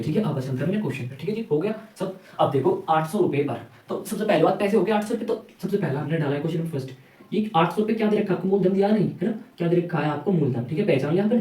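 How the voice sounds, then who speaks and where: A male teacher walks through a math lesson at a brisk clip, firing questions at students and answering them himself. His voice sits a little high but sounds dark and mellow. It is recorded from some distance in an echoey room. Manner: rhetorical questions answered himself, repeats "ठीक है".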